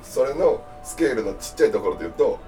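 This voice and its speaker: A man's voice: mid-range voice, expressive, quick pace, dark tone, recorded from a distance, soft background music. A man with a Hiroshima accent co-hosting a casual drinking chat, bantering loosely and laughing easily. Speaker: co-host. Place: izakaya.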